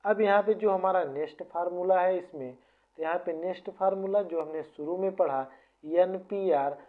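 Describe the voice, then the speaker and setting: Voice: medium pitch, moderate pace. Patient teacher on a tinny line. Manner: patient, repetitive step-by-step explaining. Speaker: maths teacher. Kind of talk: explaining formulas in a lesson. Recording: tinny phone-like sound.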